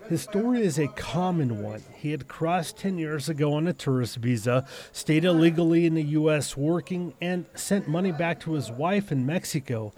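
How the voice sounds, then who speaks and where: A reporter narrating a scripted news story in a measured, descriptive way. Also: male voice, a little high, expressive, warm tone.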